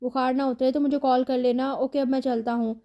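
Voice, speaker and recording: A woman voicing a calm, kindly older family doctor, in a novel read aloud. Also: high-pitched, natural voice. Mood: reassuring. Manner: reassuring.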